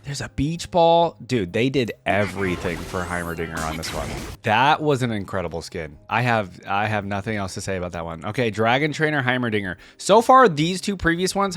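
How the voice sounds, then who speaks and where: This young man's voice is on the low side, with background noise present. As a reaction host he keeps up casual running commentary, musing aloud and breaking into exclamations while music and game audio play.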